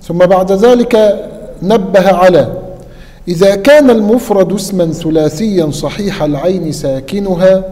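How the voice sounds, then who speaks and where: Male student reader, high mellow voice, slow recitation, reverberant room. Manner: recites slowly, answers briefly. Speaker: student reading the text. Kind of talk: reading a classical text aloud.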